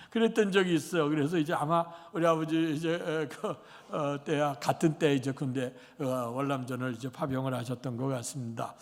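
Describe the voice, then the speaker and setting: A man's voice: on the high side, moderate pace. A man in his sixties preaching a Sunday sermon as pastor, rambling through an anecdote with many fillers. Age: 60s. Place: church sanctuary. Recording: long church hall reverb.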